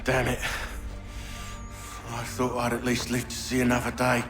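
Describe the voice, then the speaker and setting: An actor playing an unrepentant, mercenary lowlife in a video game, talking in a coarse, scornful way. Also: male voice, completely flat delivery, slow, music in the background, close to an everyday voice. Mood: bitter regret. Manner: coarse, scornful, folksy grammar. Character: cynical, mercenary lowlife villain, unrepentant and defiant.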